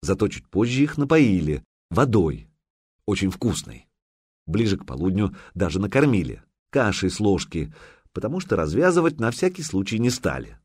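A man narrating an audiobook in a measured storytelling manner. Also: fairly low pitch, very animated, a little mellow, breathy edge, no echo, clean studio sound. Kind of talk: scripted narration.

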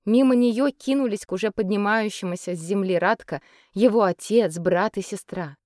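A woman narrates a fairy-tale story in an expressive, measured way, with a medium pitch. The recording is dry and close, with no room sound. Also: dry recording. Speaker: audiobook narrator. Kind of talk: scripted narration.

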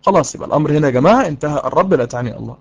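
A man's voice: on the high side, lively intonation, very fast, gravelly, slightly rough, lo-fi sound. A man with an Egyptian Arabic accent teaching a live online course, quizzing his students and repeating key lines for emphasis. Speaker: religious course instructor.

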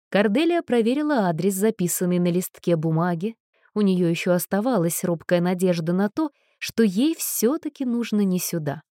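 A woman narrating an audiobook story in a measured, expressive reading. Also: lowish voice, no room sound, clean studio sound. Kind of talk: scripted narration.

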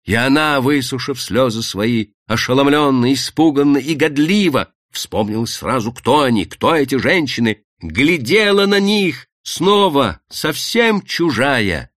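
A man narrating a classic short story as an audiobook, in an expressive, dramatic manner. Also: medium pitch, unhurried, hardly any pauses, no echo, studio quality.

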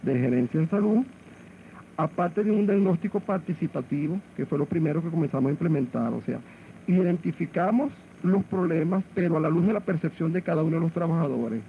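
A man with a Venezuelan accent, a hospital director interviewed on AM radio, halting and repeating words as he searches for them. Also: fairly high pitch, animated. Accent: Venezuelan Spanish. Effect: AM radio broadcast sound. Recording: muffled AM radio with faint hiss.

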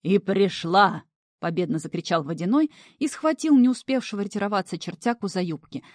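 A woman narrating a fantasy story in the first person, animated and playful. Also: mid-range voice, fast, no echo, clean studio sound. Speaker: audiobook narrator.

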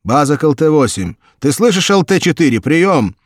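A man voicing a brisk male base radio operator calling out clipped callsigns. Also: a little high, sing-song, dry recording, studio quality, voice pushed up. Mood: insistent.

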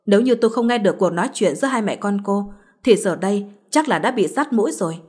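A woman doing stern rich middle-aged mom, cold and reproachful, husky, audio story. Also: medium pitch, lively intonation, fast, darkish tone.

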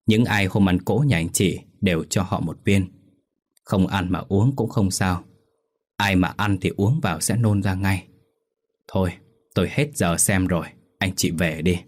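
A man voicing a brisk female village fortune-teller who gives firm instructions. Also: sits low. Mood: instructing.

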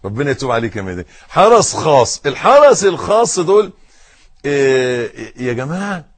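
A man with an Egyptian accent preaching a sermon, moving from loud emphatic stress to hushed, intimate asides aimed straight at his listeners. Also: medium pitch, sing-song, brisk, no room sound. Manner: speaks directly to the audience with colloquial asides.

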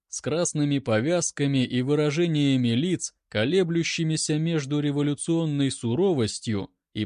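A man narrating a story aloud in an expressive, wry storytelling manner. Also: a little high, dry recording, clean studio sound.

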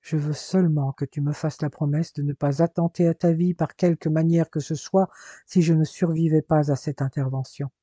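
A man voicing a tender man facing surgery, worried and soft-spoken, with a husky voice. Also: fairly high pitch, steady tone, normal speed, no echo, natural voice. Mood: grave.

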